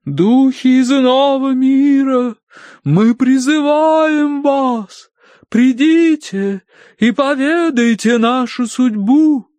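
A man voicing a theatrical, imperious woman spirit medium who speaks in slow, grave commands. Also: very high-pitched, darkish tone, no room sound, voice pushed up. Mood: solemn commanding.

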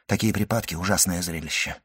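A man reading a grave, hushed doctor. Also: low voice, slightly rough, voice pushed down. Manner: solemn, measured, hushed. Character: grave middle-aged male physician, solemn, grim. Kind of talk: audiobook reading.

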